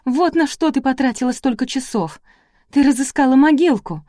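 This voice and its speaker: A woman reading aloud, voicing a furious jealous farm wife who shouts threats. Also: high voice, expressive, normal speed, dry recording, clean studio sound, pitched above the performer's own voice.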